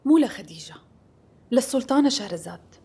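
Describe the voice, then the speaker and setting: A woman with a Syrian Arabic accent dubbing a scheming, smooth-talking sultan's wife, coaxing and polite with a pointed edge. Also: a little high, animated, brisk, warm tone, faint music behind. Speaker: dub actress. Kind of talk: dubbed TV period drama.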